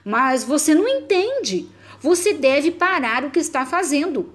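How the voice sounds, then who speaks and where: Brief: woman voicing a melodramatic begging storybook narrator, high and swooping. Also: sing-song, unhurried. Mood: pleading. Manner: frantic, melodramatic pleading with wild pitch leaps. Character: desperate pleading storybook voice, male, begging reader.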